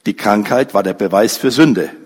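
A man preaching a sermon, telling a story dramatically and briefly acting out the people in it. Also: husky. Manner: slow, pausing delivery with wide pitch swings. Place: church hall. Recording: reverberant church hall.

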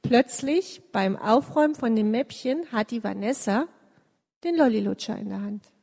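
A woman with a fairly high voice tells a lively children's story in a church service, often turning to the young listeners with questions. Her voice rings out through a long, hall-like reverb. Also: normal speed, creaky. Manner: lively, addresses children directly.

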